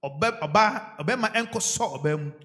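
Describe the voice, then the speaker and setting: A man's voice: high voice, animated, slow, fairly bright tone. A Ghanaian man interpreting a preacher's sermon live, with short affirmations echoing him.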